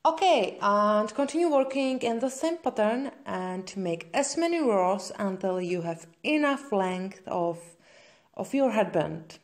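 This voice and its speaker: A native Czech speaker with a Czech accent hosts a crochet tutorial, walking through the craft step by step. Her medium-pitched voice is expressive and a little slow, and her simple non-native phrasing sounds slightly hesitant.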